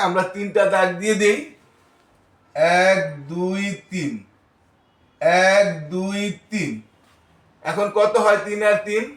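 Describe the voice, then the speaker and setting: A man teaching a first-grade math lesson, counting aloud slowly and patiently. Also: sits high, echoey room. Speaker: primary school teacher.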